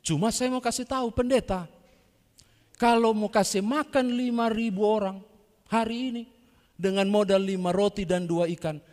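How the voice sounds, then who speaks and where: A cocky, hardheaded churchgoer with a Manado accent, as a preacher puts him on, brash and teasing. The voice sits high and rings out through a long-echoing church hall. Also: male voice, steady tone, moderate pace, darkish tone, close to an everyday voice. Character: cocky stubborn grown man from the congregation.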